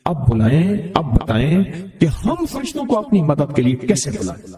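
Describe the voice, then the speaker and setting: Male preacher telling a story, pitch all over, kinda mellow, roomy echo. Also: wildly swooping pitch. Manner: storytelling, repeats phrases for emphasis. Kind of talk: sermon with storytelling.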